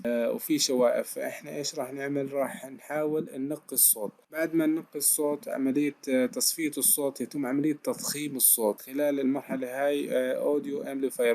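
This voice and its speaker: A lecturer delivers a recorded technical lesson step by step, answering his own questions and hesitating often. His mid-range voice is gravelly and a little mellow.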